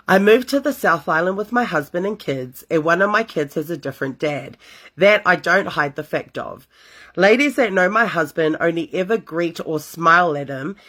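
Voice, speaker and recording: A young woman, reading listener confessions aloud as host and reacting with sassy asides. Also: fairly low pitch. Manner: animated, sassy asides between read stories. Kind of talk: casual storytime reading with reactions.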